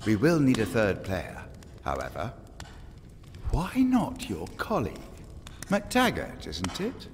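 An actor playing a smug old pagan island lord in an audio drama, pompous, taunting and silkily eloquent. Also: male voice, on the low side, wildly swooping pitch, takes it slowly, pauses often, long reverb tail, a little hiss or hum, exaggerated voice. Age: older.

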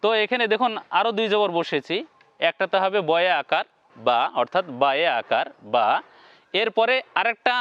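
Man teaching recitation, syllable by syllable, high voice, dry dull sound. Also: big pitch swings, fairly bright tone, clear, resonant tone, no room sound. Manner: spells out syllables slowly, then chants the words. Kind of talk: step-by-step lesson.

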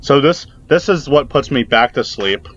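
A man's voice: mid-range voice, expressive, normal speed, fairly bright tone, highs cut off. A man giving casual, hesitant commentary while playing a video game, full of fillers and the odd curse. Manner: rambling, hesitant, swears when startled. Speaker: gameplay video creator.

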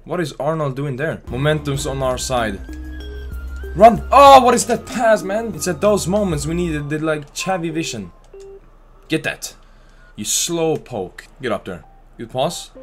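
Excitable, foul-mouthed man gaming host. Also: on the high side, unhurried, faint music behind. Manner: excitable, trash-talks players, shouts at goals. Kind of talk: casual profane gameplay commentary.

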